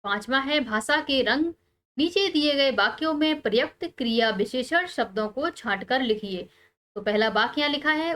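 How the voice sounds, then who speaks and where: A woman teacher, calmly explaining textbook answers step by step and pausing on key words. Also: a little high.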